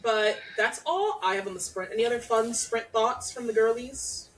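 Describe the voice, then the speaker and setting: A woman co-hosting a podcast in casual chat, an animated, profane storyteller who laughs as she talks. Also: fairly high pitch, normal speed, slight background noise, rough recording. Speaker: podcast co-host.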